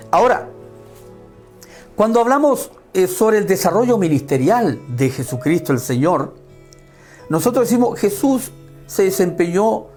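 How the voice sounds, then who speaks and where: Fervent male preacher, high voice. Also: a little mellow. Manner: fervent preaching with swings in pitch and pace. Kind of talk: sermon.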